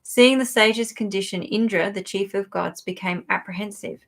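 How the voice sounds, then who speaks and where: A woman co-hosting a podcast, reading a sacred text aloud in a steady voice and pausing to stumble over unfamiliar words. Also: medium pitch, gravelly. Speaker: podcast co-host.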